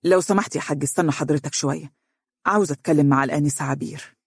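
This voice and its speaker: A storyteller voicing a calm, gentle young male doctor with an Egyptian accent, talking in a soft, reassuring, measured way. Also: mid-range voice, slightly rough, no room sound, studio quality. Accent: Egyptian Arabic.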